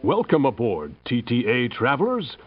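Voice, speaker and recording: Lively male announcer on a loudspeaker. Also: mid-range voice, normal speed, over music. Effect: outdoor loudspeaker. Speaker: transit announcer. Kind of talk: scripted welcome announcement. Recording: muffled distant loudspeaker.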